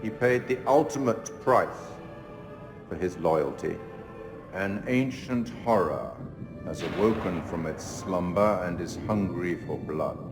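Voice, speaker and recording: An actor playing a sinister, refined gentleman who hosts horror tales in a video game, speaking in a measured, ominous and wryly courteous theatrical manner. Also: low-pitched. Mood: ominous, grave. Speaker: narrator host addressing the player. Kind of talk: theatrical scripted monologue, literary quotations. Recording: echoing hall reverb, music behind.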